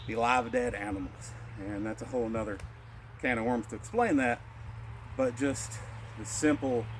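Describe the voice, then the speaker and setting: A man leads a gentle qigong class, his voice steady in pitch and unhurried as he cues each breath in and out. He gives simple, instructive directions for every movement. Faint outdoor noise with birds sits behind him. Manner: calm, instructive, cueing breaths. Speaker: martial arts instructor.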